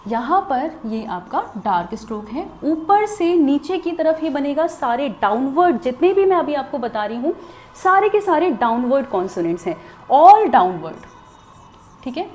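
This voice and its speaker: Young woman explaining a lesson, high voice that jumps around a lot, patient. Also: big pitch swings, moderate pace, darkish tone, slight background noise. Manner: patient, explanatory, repeats "theek hai". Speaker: shorthand teacher. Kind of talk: recorded lesson.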